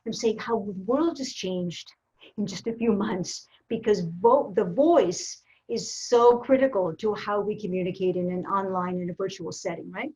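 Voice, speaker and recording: A woman's voice: mid-range voice, normal speed. A woman coaching on public speaking in a virtual workshop, talking emphatically with frequent restarts. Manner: lively, emphatic, with repeated restarts. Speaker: communication coach. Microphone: laptop mic on a video call. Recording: slightly dull video-call audio.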